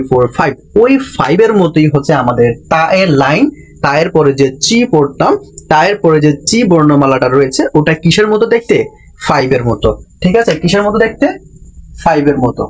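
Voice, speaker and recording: Male teacher, somewhat high voice, patient, repeats and quizzes students, classroom lesson delivery. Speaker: Japanese language teacher. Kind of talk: classroom-style lesson explanation.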